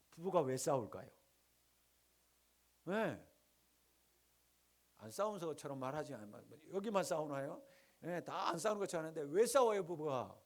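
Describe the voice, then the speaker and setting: Man, pastor, middle-aged, from Gyeongsang, sermon, rhetorical questions, very animated pitch. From Gyeongsang region, Korea. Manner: rhetorical questions to the congregation, lively swings between loud and hushed.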